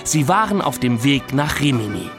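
A man reading an audiobook in lively scripted narration. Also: mid-range voice, moderate pace, over music.

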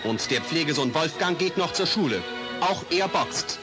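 Man, old newsreel narrator, formal announcer delivery, somewhat higher pitch, music behind. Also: expressive, moderate pace. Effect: old newsreel soundtrack.

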